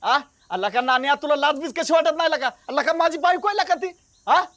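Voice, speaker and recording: An actor playing a hot-tempered, jealous village wrestler husband, hurling insults and threats. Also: male voice, very high-pitched, animated, fairly quick, no room sound. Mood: scornful. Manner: shouting insults, scornful, menacing. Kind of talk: rural web drama acting.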